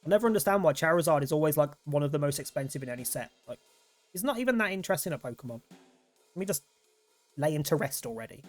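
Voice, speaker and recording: A man's voice: a little high, lively intonation, fast, long pauses, soft background music. A man streaming a game, rambling casually and swearing freely as he chats. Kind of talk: casual gameplay commentary.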